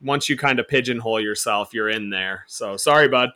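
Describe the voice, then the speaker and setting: A man hosting a casual podcast chat, teasing his guests with quick laughs. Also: mid-range voice, bright, forceful tone. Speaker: podcast host.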